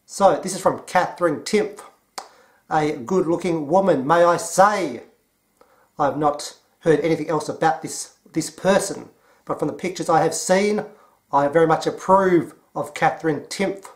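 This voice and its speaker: A man with an Australian accent giving a mocking, deadpan commentary. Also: on the high side, unhurried. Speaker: commentary vlogger. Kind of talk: sarcastic commentary.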